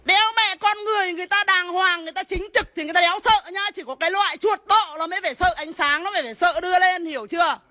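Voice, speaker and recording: A woman, a homeowner shouting and swearing as she scolds police officers at her gate. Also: extremely high pitch, racing, few pauses. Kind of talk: heated real-life argument.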